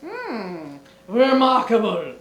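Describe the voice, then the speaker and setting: An actress playing a haughty Russian countess with a put-on accent in an old-time radio comedy stage show. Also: female voice, fairly high pitch, huge pitch swings, slow, exaggerated voice. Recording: roomy live stage recording.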